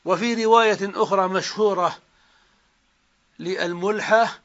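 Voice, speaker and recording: A man gives a classroom grammar lecture in a fairly high voice. He explains step by step and slows down to repeat each example. The recording is dull and lo-fi. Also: fairly even intonation, fairly bright tone. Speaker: Arabic grammar teacher.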